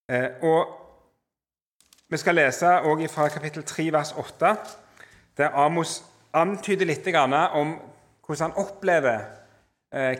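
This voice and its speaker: A man lecturing on the Old Testament in a measured way, slowing down for emphasis and often pausing with hesitations. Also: a little high. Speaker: Bible teacher.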